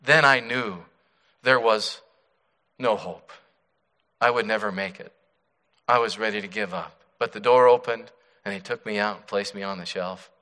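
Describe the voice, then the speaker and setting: A man voicing a suffering clay teacup that pleads and cries out in high, strained bursts. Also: normal speed, long pauses, sharp tone, long reverb tail. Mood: pleading, anguished.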